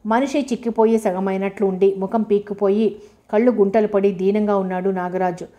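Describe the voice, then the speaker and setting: A woman narrating a novel aloud as an audiobook, in a steady, measured reading. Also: medium pitch.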